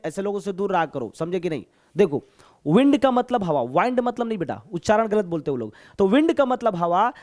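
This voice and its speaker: A Bihari man teaches English in a live online class, his voice pitched very high. He speaks Hindi with a Bihari accent, chatty and playful, joking as he coaxes his students to answer. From Bihar, India.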